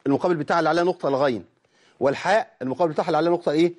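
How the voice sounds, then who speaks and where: An Egyptian man with a slightly high voice gives a religious lesson on recitation rules. He chants verse lines slowly, then breaks them down in relaxed colloquial talk, often asking his students questions. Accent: Egyptian Arabic. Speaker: Quran recitation teacher.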